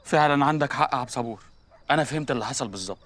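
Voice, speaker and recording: A man's voice: mid-range voice, very fast, fairly bright tone, natural voice. An actor playing a sarcastic man who teases his panicked friend, speaking with an Egyptian accent. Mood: mocking. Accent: Egyptian Arabic. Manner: sarcastic, teasing, jokey. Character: mocking, teasing man named Abbas, always joking. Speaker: friend at a crime scene. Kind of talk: Egyptian TV comedy acting.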